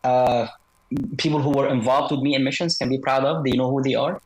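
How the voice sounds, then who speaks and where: A man speaks as an interview guest in a slightly altered voice, processed to disguise him. His pitch sits in the middle, and he explains things in a measured, halting, conversational way. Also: steady tone, rough recording. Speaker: interview guest, author and former military unit member.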